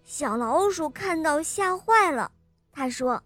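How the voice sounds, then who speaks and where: A woman reading a bedtime-style children's story, gentle and expressive. Her voice is high and her pace is slow and deliberate. The sound is close and dry, with soft music faintly underneath. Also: no room sound. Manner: gentle, expressive, addresses kids directly.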